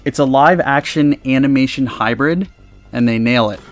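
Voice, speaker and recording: With faint music behind him, a man hosts a countdown review as a video host and reviewer. He's chatty, casual and enthusiastic, close up on a USB mic. His pitch is medium and his speed normal.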